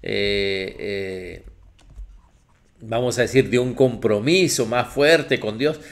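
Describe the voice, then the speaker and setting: A male pastor preaches in an animated sermon style, often breaking into the voices of the people he quotes. His delivery is unhurried, and his voice has a gravelly, creaky edge. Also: lowish voice.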